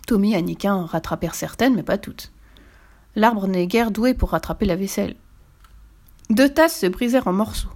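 A woman reading a children's story aloud with gentle, expressive narration. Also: medium pitch.

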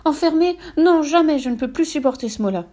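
A woman voicing a curious, excitable young girl with high, eager exclamations, in a storybook reading. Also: brisk, close to an everyday voice. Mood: excited.

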